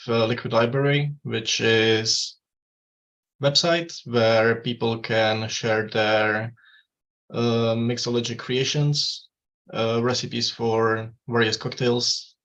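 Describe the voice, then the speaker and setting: Slow, gravelly man on a dull mic. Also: mid-range voice, a bit bright. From Czech Republic. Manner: hesitant, with many pauses. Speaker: student developer presenting a project. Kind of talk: live online project demo. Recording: dull lo-fi microphone.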